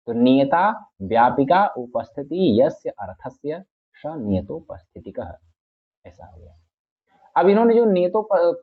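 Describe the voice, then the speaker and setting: Patient male grammar teacher, tinny audio. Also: on the high side. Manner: patient, repeats points and recites Sanskrit phrases. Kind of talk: explanatory lecture.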